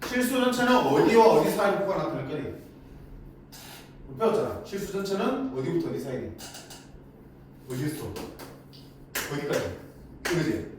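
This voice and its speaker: A man teaching a math lesson in a chatty way. He keeps asking students questions and then answers them himself. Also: a little high. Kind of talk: lecture to students. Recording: echoey room, mic at a distance, faint noise.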